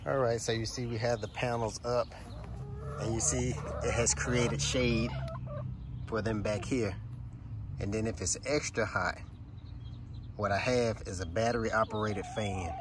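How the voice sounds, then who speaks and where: A middle-aged homesteading vlogger records himself on a handheld phone while strolling his backyard garden, explaining his chicken care step by step in a casual demonstration. His voice is on the low side and fairly even, measured in pace with long pauses, and there's slight hiss or hum. His manner is plain and friendly toward viewers.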